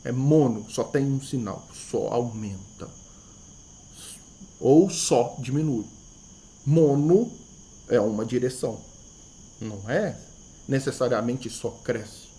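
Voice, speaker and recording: A man's voice: medium pitch, expressive, takes it slowly, pauses often, warm tone. A man teaching a math lesson, thinking aloud, repeating key words and asking himself rhetorical questions, with a Brazilian Portuguese accent. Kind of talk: explanatory video lesson.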